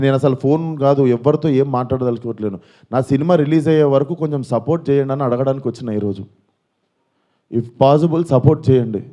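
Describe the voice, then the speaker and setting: A man's voice: mid-range voice, warm tone, dull audio. A man, making an earnest, pleading statement at a press conference and repeating his points. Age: 20s. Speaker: film actor at a press meet.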